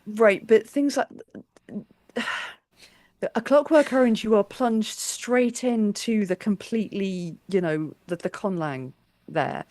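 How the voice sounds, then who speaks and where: A woman's voice: medium pitch, slow, a little mellow, no room sound. A woman interviewer in a casual conversation, reflecting thoughtfully and restarting her sentences as she thinks.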